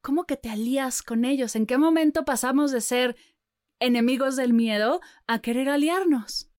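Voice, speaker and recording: A woman hosting an interview, asking animated, emphatic questions. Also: high voice, normal speed, no room sound, clean studio sound. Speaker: podcast host. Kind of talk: conversational interview.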